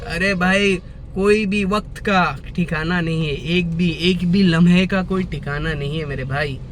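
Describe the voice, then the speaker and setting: A man with a high voice speaks slowly and earnestly, like a small sermon to camera. He repeats phrases for weight and clears his throat often through a lingering cough. Faint street noise sits low behind him. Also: a bit bright. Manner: earnest, preachy, repeats phrases, recites devotional verse. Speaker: vlogger. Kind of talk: slow reflective religious talk to camera.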